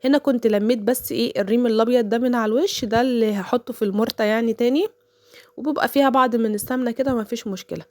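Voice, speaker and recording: Fast-talking Egyptian mom vlogger. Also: female voice, on the high side, a little mellow, no echo. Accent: Egyptian Arabic. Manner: chatty, storytelling, religious phrases. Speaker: home cooking vlogger, mother. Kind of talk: casual chatty voice-over.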